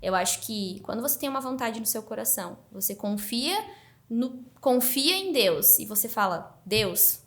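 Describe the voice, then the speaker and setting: A woman's voice: on the high side, normal speed. A woman guest on a podcast, telling her story animatedly in a casual interview. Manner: animated, excited narration.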